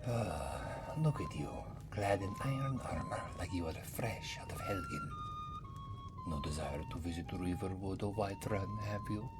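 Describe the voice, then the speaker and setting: Over background music, a man performs a fantasy roleplay ASMR as a very old cat-folk former priest, wry and courteous, who muses about himself in the third person. He speaks softly and often drops into a whisper. His voice is lowish, swinging hugely in pitch at a moderate pace.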